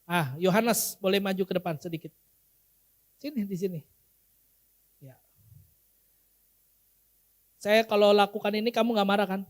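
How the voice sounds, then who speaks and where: High-voiced man preaching casually. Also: steady tone, a little slow, pauses often. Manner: casual, humorous preaching that quizzes the congregation. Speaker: pastor. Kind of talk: sermon. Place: church.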